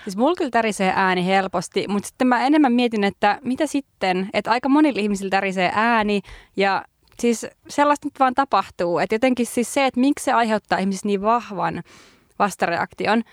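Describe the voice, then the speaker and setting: A woman's voice: mid-range voice, no echo. Reflective woman, dry close podcast mic. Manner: reflective, hedging with many fillers. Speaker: podcast co-host. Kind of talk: casual podcast conversation.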